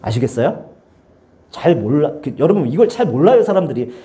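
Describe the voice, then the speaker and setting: 활기찬 목소리의 남자 청소년부 목사. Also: male voice, fairly high pitch, brisk. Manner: animated storytelling with sound effects and acted-out quotes. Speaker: youth pastor. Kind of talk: lively youth sermon. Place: church.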